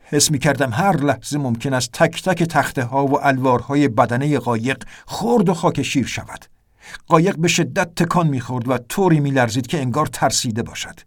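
A man narrating an audiobook adventure in a tense, vivid storytelling manner. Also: mid-range voice.

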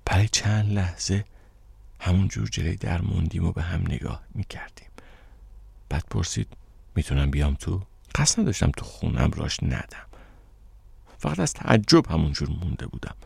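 A man narrating an audiobook in the first person with steady, measured storytelling. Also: sits low, gravelly, husky, dry recording.

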